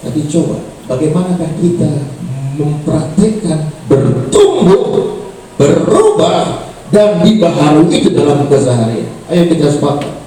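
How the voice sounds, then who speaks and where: A middle-aged man preaches a sermon in a big, very echoey hall, sounding a bit distant from the mic. His voice sits fairly high, and he tells stories animatedly, dropping to a hush and then rising to loud calls. Faint room noise hangs behind him. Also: fairly quick, hardly any pauses. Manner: animated storytelling, swinging from hushed to loud. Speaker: pastor.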